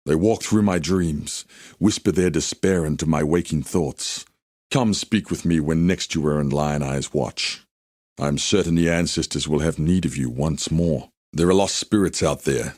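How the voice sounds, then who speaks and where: Haku, deep solemn warrior. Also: male voice, a little mellow, slightly rough, no echo, studio quality, heavily acted. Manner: solemn, measured, formal storytelling delivery. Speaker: video game character. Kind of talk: dramatic scripted game dialogue.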